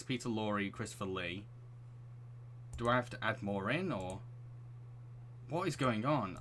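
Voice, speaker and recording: A man's voice: fairly low pitch, bright, forceful tone, slight background noise. A man streaming a game, chatting restlessly with his viewers, laughing often and reading the story aloud.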